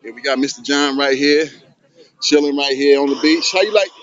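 A man's voice: medium pitch, fairly quick, a bit bright, no room sound. A middle-aged man hosting a casual handheld vlog outdoors on a sunny beach, talking in a loose, hyped, streetwise way. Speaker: vlog host. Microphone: handheld phone camera. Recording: dull lo-fi phone audio.

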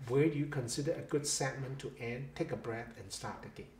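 A man's voice: mid-range voice, fairly quick, a little mellow, a little hiss or hum. A man teaching a one-on-one piano lesson, patient, checking in with "okay?" and counting beats aloud. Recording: roomy echo with faint piano.

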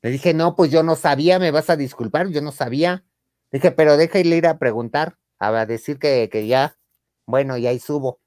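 Campy mexican guy telling a funny story, does high voices for the ladies he quotes, dry close mic. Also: moderate pace, darkish tone, dry recording. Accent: Mexican Spanish. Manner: campy, theatrical, jumps to higher pitch to act out quoted women; laughs often mid-story. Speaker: storyteller on a chat show. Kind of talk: comic anecdote telling.

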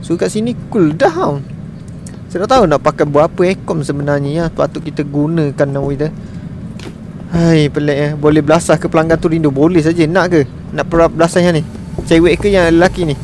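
A man's voice: a little high, background noise. A man with a Malaysian Malay accent giving casual, exasperated commentary while streaming a management game and talking to his viewers.

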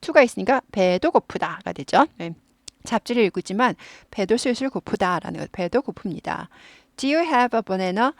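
A woman teaching English grammar in Korean, explaining patiently and repeating words slowly for practice. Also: mid-range voice, animated, dry recording.

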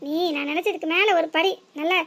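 A woman's voice: very high voice, fairly quick, a bit bright. A woman voicing a bossy, nosy elderly mother-in-law in a cartoon, with a scolding, teasing manner. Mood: gossipy. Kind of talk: animated cartoon voice acting.

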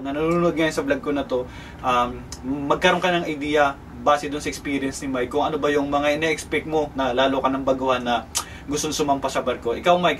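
A man's voice: medium pitch, fairly bright tone. A man vlogging from aboard a ship who interviews a crew member in a casual way, prompting him and finishing his sentences. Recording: distant mic with faint background noise.

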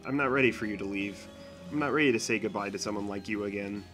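A man's voice: on the low side, fast talker, lightly acted. A man voicing a tearful young goat monster boy. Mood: pleading, remorseful. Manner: soft, pleading and earnest. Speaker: fan voice actor. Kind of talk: fan dub of a game scene. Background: music.

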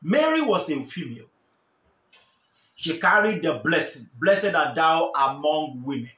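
A man's voice: fairly high pitch, sing-song, a little slow, sharp tone, roomy sound. A young man with a Nigerian English accent preaching a sermon to camera, fervent and repeating key phrases for emphasis. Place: small indoor room, seated in armchair.

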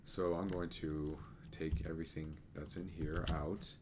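Man, very low voice, casual gameplay commentary, thinking aloud, loud keyboard clicks behind. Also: little pitch movement, unhurried, background noise. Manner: rambling, self-correcting, thinking aloud. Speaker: let's play gamer. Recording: keyboard clicks and typing audible. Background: computer keyboard clicking.

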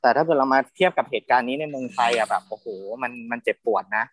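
A man's voice: medium pitch, fast. A man on a theatre panel, talking casually over a video call and thinking aloud with many fillers.

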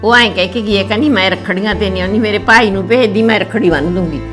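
A woman's voice: medium pitch, very fast, music in the background. An older woman with a Punjabi accent playing a mother in a village family drama, complaining and lamenting.

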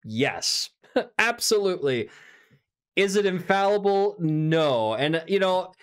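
A man's voice: high voice, sing-song, takes it slowly, clear, resonant tone. A man hosting a podcast interview in a casual way, often adding "right?" and "you know". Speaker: podcast host.

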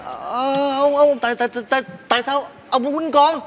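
An actor playing a timid house servant who stammers and pleads in a stage comedy sketch. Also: male voice, very high-pitched, steady tone, a little fast. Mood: pleading.

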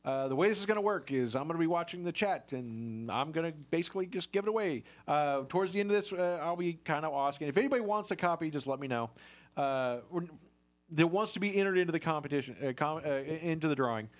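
A man in his forties hosts a casual live-stream chat from a small studio hung with posters and string lights, using a headset mic. His voice is a little high, with lively intonation and fast delivery, and he jokes while reading product copy aloud.

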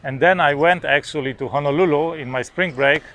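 This man's voice is a little high, fairly quick and fairly bright. He's a native Polish-speaking vlogger from Poland in his forties, talking casually to the camera outdoors on a beach lawn with hesitations, fillers and restarts.

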